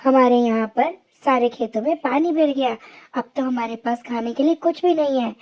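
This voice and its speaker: A woman's voice: sits high, normal speed, darkish tone. A woman voicing a hungry neighbor sparrow in a cartoon story, talking in a plaintive way.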